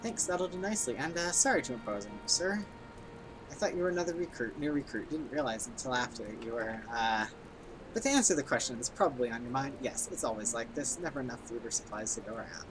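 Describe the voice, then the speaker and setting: A man's voice: mid-range voice, animated, fast talker, music in the background, natural voice, low-quality recording. Man voicing an earnest, weary resistance fighter.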